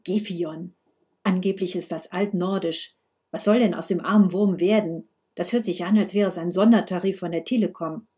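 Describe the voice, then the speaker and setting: A woman's voice: on the low side, steady tone, normal speed, dark tone, breathy edge. A woman voicing a brusque, sarcastic older woman, a grandmother, while reading a novel aloud. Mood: scornful. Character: grumpy sharp-tongued older woman, a grandmother, reckless driver.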